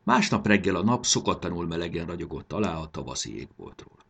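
A man narrating a children's story in a gentle, expressive reading. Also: low voice, creaky, slightly rough.

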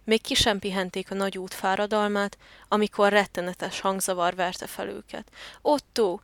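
A woman narrating a children's storybook in a calm, even reading voice. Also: mid-range voice, no echo.

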